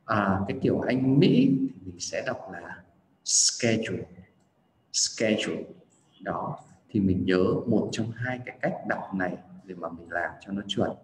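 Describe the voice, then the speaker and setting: A man from Vietnam giving a chatty livestream pronunciation lesson, repeating words slowly to demonstrate the sounds. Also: sits low, lively intonation, reverberant, slight background noise, rough recording. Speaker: English pronunciation teacher.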